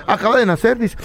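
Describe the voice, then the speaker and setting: A male radio co-host tells jokes and gossip in rapid bursts and shouts the punchlines. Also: high voice. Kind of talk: joke and gossip storytelling on radio.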